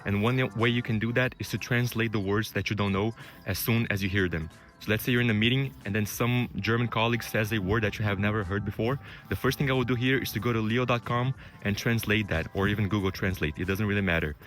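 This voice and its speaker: A Brazilian vlogger, Portuguese being his native tongue, shares career tips on camera in a fast, casual manner filled with "you know." His voice sits on the low side and sounds fairly bright.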